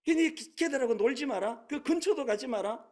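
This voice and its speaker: A male preacher voicing an exasperated mother who scolds her small daughter in sharp, raised outbursts. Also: very high voice, expressive, brisk. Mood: scolding.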